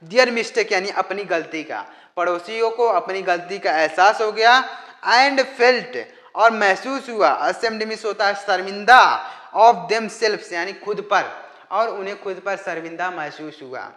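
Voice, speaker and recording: A man teaching an English lesson, explaining a story in Hindi and translating it phrase by phrase in a slow, deliberate way. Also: high-pitched, bright, forceful tone, reverberant, in a large hall.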